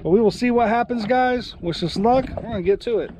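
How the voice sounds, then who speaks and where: Wind and water noise fill this action-camera recording of a man in his forties hosting a fishing vlog from a small open boat offshore. He talks easygoingly to viewers and to the fish he releases, in an extremely high, a little mellow voice at a brisk pace.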